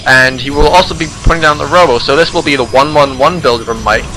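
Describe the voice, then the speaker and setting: A man's voice: a little high, fast talker, pushed and bright, a little hiss or hum, poor audio. A young man casually commentating a strategy game replay, joking and sarcastic.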